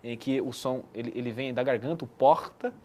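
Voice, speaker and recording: A man's voice: mid-range voice, flat delivery, fast, a little mellow. A man giving an explanatory online lesson as a teacher, checking in with the listener often. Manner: didactic, frequent "né" tag questions.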